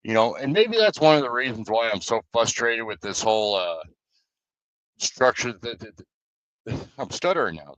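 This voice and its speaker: On a live stream, a man chats loosely with his guild, rambling with lots of fillers and restarts. His voice is lowish yet bright and forceful, and the audio is dry with no room echo.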